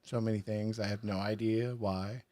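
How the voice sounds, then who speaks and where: A man's voice: fairly low pitch, little pitch movement, normal speed, a little mellow. A tipsy man hosting a live stream, chatting casually and rambling, laughing often. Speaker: podcast and stream host.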